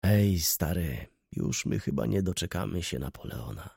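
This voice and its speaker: A man doing a gruff, blunt old man. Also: medium pitch, big pitch swings, measured pace, mellow, dry recording, clean studio sound, exaggerated voice.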